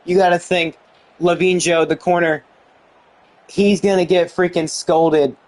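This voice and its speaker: A young man giving excited commentary on a football video game he is playing, exclaiming and mildly swearing. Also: high-pitched, a little slow. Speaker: gaming YouTuber.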